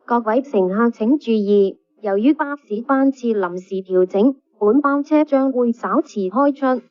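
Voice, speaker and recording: A woman reading calm, formal bus announcements played over a PA system. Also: on the high side, unhurried, dry recording. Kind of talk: scripted public announcement. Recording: dull lo-fi PA playback.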